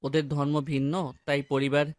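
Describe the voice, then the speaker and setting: A man's voice: fairly high pitch, level tone, normal speed. A man narrating a dramatic first-person audio story, anxious and despairing.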